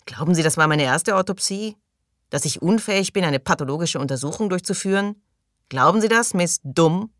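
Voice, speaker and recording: A man reading an audiobook, voicing an irritable, pompous male colony doctor who speaks loudly and defensively. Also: fairly high pitch, moderate pace, clear, resonant tone, no echo, clean studio sound. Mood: indignant. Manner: indignant, loud, defensive.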